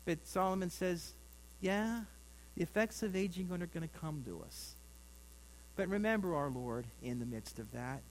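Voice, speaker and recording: A man's voice: high voice, animated, normal speed, slight background noise, low-quality recording. A middle-aged man preaching a sermon in a folksy, rambling way, with asides to his congregation. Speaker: pastor.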